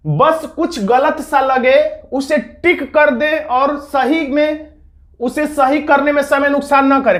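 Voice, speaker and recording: A man teaching an exam-prep grammar lesson, explaining patiently and repeating his key points. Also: very high-pitched.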